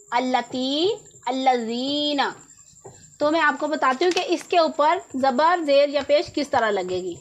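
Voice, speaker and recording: High-voiced woman teaching patiently. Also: fairly bright tone. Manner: patient, repeats rules and asks the question herself before answering. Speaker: Quran reading teacher. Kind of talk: step-by-step lesson explanation.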